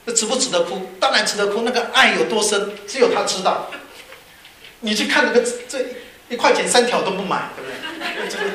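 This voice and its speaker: A man preaching a sermon, telling anecdotes with lively energy and acting out the people in them. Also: sits high, a little hiss or hum. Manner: lively storyteller who acts out the people in his anecdotes. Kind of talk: sermon with storytelling. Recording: very echoey hall.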